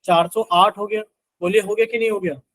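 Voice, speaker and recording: A man with a high voice teaches math live, walking through each step and chanting the times tables as he goes. He keeps prodding the class to answer him. The sound is dry and close. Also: steady tone, a little fast, a bit bright, no echo, low-quality recording. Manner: coaxing, repeatedly asks students to answer; works sums aloud with Hindi multiplication-table chants.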